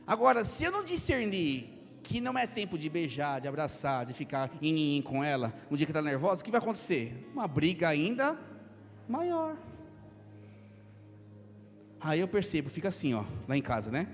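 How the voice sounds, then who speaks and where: A Brazilian man in his thirties, a pastor preaching a lively sermon with jokes and acted asides. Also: fairly high pitch, a little fast. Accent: Brazilian Portuguese. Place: church hall. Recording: long hall reverb, faint music.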